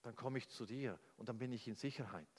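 A man's voice: mid-range voice, a little fast, darkish tone, husky, natural voice. A man quoting an earnest little girl in a church hall. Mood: hopeful. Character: eager, trusting eight-year-old girl. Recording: long hall reverb.

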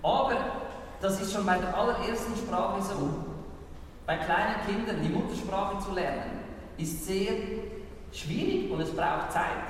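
With a high pitch and a measured pace, a man addresses the viewer directly, asking questions while explaining language and communication in a relaxed video-talk style. The room sounds big, with slight background noise.

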